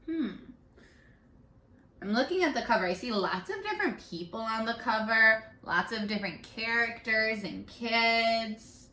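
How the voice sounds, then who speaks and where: A fairly high-pitched woman, a primary school teacher, guides an interactive read-aloud lesson for young children at home. Her manner is animated and encouraging, with frequent questions followed by pauses for replies, all in a living room that gives off a roomy echo.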